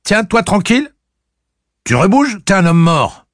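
A bold young male gunslinger with a teasing, mock-courtly way of talking, as a man reading the story puts him on. The voice sits well above the reader's own, gravelly and husky. The recording is close and dry. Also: medium pitch, big pitch swings, slow, no echo, voice pushed up, heavily acted. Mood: fierce. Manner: mock-courtly, then barking orders.

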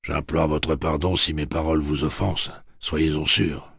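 A man's voice: extremely low pitch, flat delivery, moderate pace, vocal fry, fairly bright tone, slightly rough, no room sound, clean studio sound, exaggerated voice. A man voicing a middle-aged ranch foreman who speaks earnestly and a little apologetically.

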